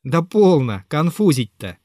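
A man's voice: big pitch swings, measured pace, warm tone, no room sound, clean studio sound. A man reading an audiobook, voicing an insolent young man who sneers and giggles at others. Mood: sneering. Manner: sneering, shrill.

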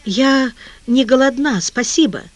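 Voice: high-pitched, a little slow, dry recording, pitched above the performer's own voice. An audiobook reader voicing a shaken young female reporter who trembles on the edge of hysterics. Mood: subdued. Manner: trembling, fragile, close to hysterics. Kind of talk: audiobook character reading.

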